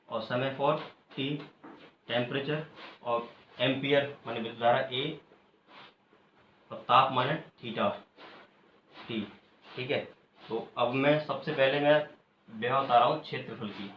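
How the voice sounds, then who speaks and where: Man teaching a class, quizzing students. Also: mid-range voice. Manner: quizzes students, pausing for them to finish answers; repeats key terms slowly and patiently. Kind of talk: classroom physics lecture. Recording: echoey room, muffled, faint hiss.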